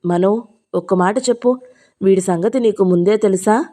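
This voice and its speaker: A woman voicing a proud, sharp-tongued old grandmother who scolds in heated outbursts, in a Telugu audio novel. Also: mid-range voice, normal speed, lightly acted. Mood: shocked.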